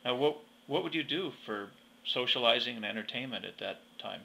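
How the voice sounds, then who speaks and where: A man's voice: medium pitch, lively intonation, a little fast, gravelly, bright, forceful tone, slight background noise, low-quality recording. A man interviewing someone in a conversational style.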